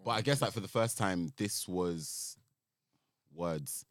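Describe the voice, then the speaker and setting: A man chatting casually about films, halting and trailing off with many fillers. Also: deep voice, no echo. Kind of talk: casual chat.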